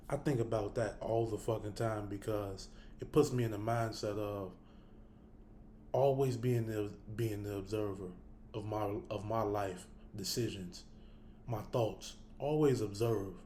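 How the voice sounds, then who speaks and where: Blunt, profane man with a low voice. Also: fairly even intonation, unhurried, mellow, slight background noise. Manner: blunt, profane, thinking aloud. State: has the hiccups. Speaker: host. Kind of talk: casual spoken reflection to camera.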